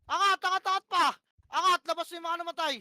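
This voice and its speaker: A woman's voice: very high voice, fairly even intonation, fast talker, pushed and bright, dry recording, studio quality. A woman calling plays to her team during an online game, bossy and profane, firing off short repeated commands. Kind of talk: live gameplay shot-calling.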